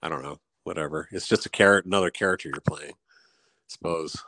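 A man's voice: low voice, a little fast, pushed and bright, no echo. A man in casual chat, telling stories and laughing often. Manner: chatty storyteller, laughs often.

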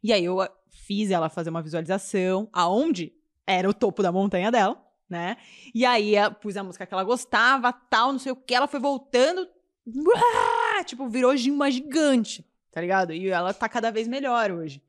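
A woman mentor telling stories on a podcast in a casual chat, animated and acting out the quotes. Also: fairly quick. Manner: animated, acts out quotes, swings her pitch a lot.

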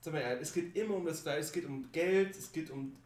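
A man's voice: fairly high pitch, a little fast, a little mellow. A young man co-hosting a podcast in casual, slangy chat, talking bluntly and laughing often. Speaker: podcast co-host. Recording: roomy, distant from the mic.

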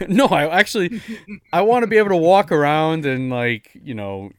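A man's voice: a little high, moderate pace, clear, resonant tone, no echo, studio quality. A man co-hosting a casual podcast chat, eager and chatty, sometimes stumbling over names. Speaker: podcast co-host.

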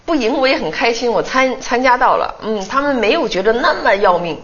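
A woman speaking on a studio talk panel, telling stories in an animated way and quoting what other people said to her. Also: on the high side, a little fast, dull audio. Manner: animated storytelling, quotes others. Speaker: guest commentator. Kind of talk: studio talk show discussion.

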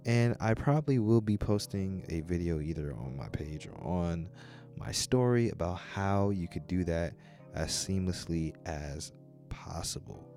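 A man's voice: sits low, expressive, measured pace, dark tone, soft background music. A man hosting a podcast, giving a casual, chatty introduction spoken straight to the listeners. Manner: chatty, direct address to listeners. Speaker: podcast host.

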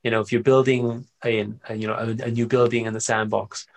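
A middle-aged man from Austria, speaking as an interview guest in an animated, conversational way, often checking in with "right?" and "you know.". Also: medium pitch, fairly quick.

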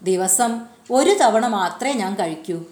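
A woman voicing a gentle, patient alien boy who explains his world. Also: medium pitch, animated, slow. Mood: explaining. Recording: roomy echo.

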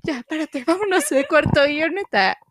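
A young woman with a Mexican Spanish accent chats casually and giggles as she chimes in. Her voice is fairly high and swings widely in pitch. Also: expressive, normal speed, background noise. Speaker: podcast co-host. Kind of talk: casual chat.

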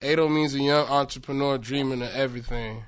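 A man's voice: medium pitch, a little fast, smooth. A man in his twenties from South Florida, a guest artist chatting casually on a podcast, boastful and joking. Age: 20s. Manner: animated, boastful, joking banter with swearing.

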